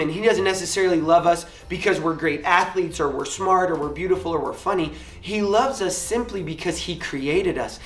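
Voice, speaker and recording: A man's voice: sits high, fairly bright tone, far from the mic. An upbeat man speaks as a pastor giving an earnest, encouraging youth talk. His voice sits a little away from the mic. The room around him has a roomy echo.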